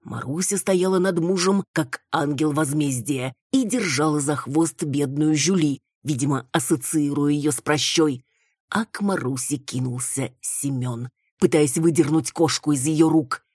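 A woman narrating a comic story in an even, wry storytelling manner. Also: sits low, a little slow, husky, dry recording, studio quality. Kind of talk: audiobook narration.

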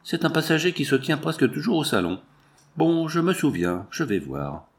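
A man's voice: fairly high pitch, very animated, pitched above the performer's own voice. A man voicing a polite ship steward who speaks broken French. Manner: halting, broken French phrasing.

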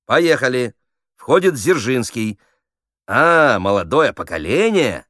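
A man's voice: mid-range voice, very animated, slow pace, fairly bright tone, no room sound, clean studio sound, voice pushed up. A man doing a pompous barking officer. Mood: commanding. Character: bossy fussy male army officer directing a play.

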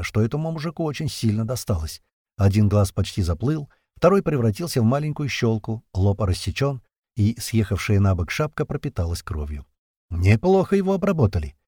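Husky-voiced man narrating an audiobook. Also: fairly low pitch, brisk, no echo, clean studio sound. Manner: steady storytelling, tense and vivid.

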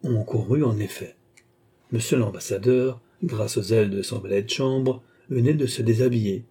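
A man reads a classic novel aloud at a measured pace. His voice is mellow and a little husky. He lifts his pitch when he voices the characters. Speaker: audiobook reader. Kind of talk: scripted narration of a classic novel.

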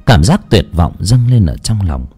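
A man narrating a dark folk story in a dramatic, animated way. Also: sits low, normal speed, husky, faint music behind.

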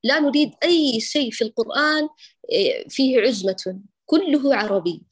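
A woman teaching Quran recitation, patiently correcting a student, with affectionate words and sounds demonstrated slowly. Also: sits high, slightly rough. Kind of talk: correcting recitation in an online lesson.

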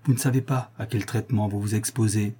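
Brief: stern admonishing monk, dark husky voice, read by a man. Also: on the low side, steady tone, fast. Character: monk, stern male warning a young man.

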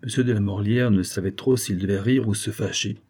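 A man narrating a classic novel as an audiobook, in a measured storytelling manner. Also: lowish voice, darkish tone, husky. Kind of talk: scripted literary narration.

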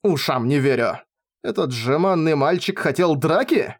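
A man's voice: fairly high pitch, lively intonation, normal speed. A man voicing a brash, hot-tempered young sorceress in an audiobook reading, with snappish outbursts. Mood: angry.

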